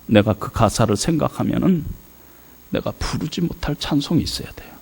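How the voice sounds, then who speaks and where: A middle-aged man from South Korea preaching a revival sermon in a church, telling a family story with many hesitant fillers and sudden swings from hushed to loud. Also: medium pitch, animated, moderate pace, creaky, husky. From South Korea, Yeosu area. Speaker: guest pastor. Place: church sanctuary.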